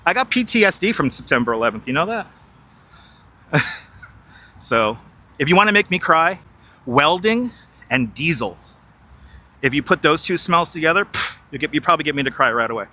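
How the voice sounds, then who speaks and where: A middle-aged New Yorker walks by a river on a live stream, his slightly high voice sing-song, bright and forceful at normal speed with long pauses. He talks through a wireless clip-on mic, chatting, repeating himself, and reading and replying to viewer comments.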